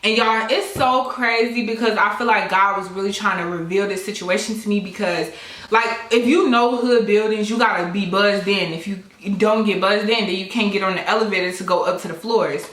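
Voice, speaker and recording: Young woman vlogger with a bright voice telling a chatty story to camera in a roomy, echoing space. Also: mid-range voice, fairly quick. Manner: animated storyteller who addresses viewers directly; acts out other people's voices in her story. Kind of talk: casual storytime while eating. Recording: echoey room.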